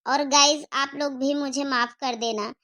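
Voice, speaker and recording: A woman's voice: high-pitched, fairly even intonation, unhurried, a bit bright. A woman, host of a story channel, earnestly advising her viewers and asking them to subscribe. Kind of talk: moral-story outro address.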